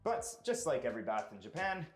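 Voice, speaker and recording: A man's voice: mid-range voice, sing-song, fast talker, loud music behind the voice. A man presenting a property tour in a casual, explanatory way, with chatty asides as he goes.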